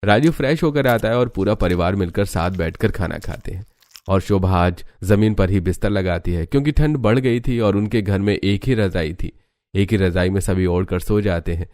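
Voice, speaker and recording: A man narrating a cartoon moral story in a steady, matter-of-fact way. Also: deep voice, normal speed, no echo, studio quality.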